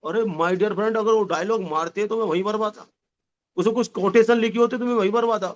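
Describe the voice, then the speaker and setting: A man giving a lively motivational sales seminar, repeating phrases and calling the audience his dear friends, with a slight touch. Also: sits high, brisk, dull audio. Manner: animated, repetitive, addresses audience as "my dear friend". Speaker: network marketing trainer.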